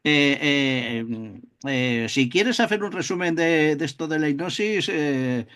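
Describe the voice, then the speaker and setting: A man co-hosting the talk, measured and calm, steering the conversation with hesitant fillers. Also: fairly high pitch, clean tone. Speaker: podcast co-host. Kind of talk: casual interview talk.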